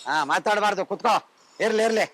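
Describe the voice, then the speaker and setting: A man's voice: high-pitched, quick pace, a bit bright. A man playing a pushy prankster posing as a holy man, scolding and ordering people about in a hidden-camera prank. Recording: noisy street recording.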